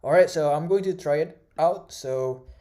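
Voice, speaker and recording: With a warm, fairly high voice at normal speed, this young Indonesian-speaking man narrates a screen recording for an online course. His teaching is casual, with lots of fillers and tag questions like "right?"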